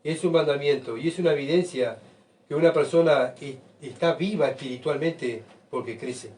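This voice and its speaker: A man preaching a sermon, asking rhetorical questions and swinging between soft asides and loud emphatic bursts. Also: a little high, moderate pace. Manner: rhetorical questions, keeps asking the congregation "¿verdad?". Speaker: pastor. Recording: voice picked up from far off.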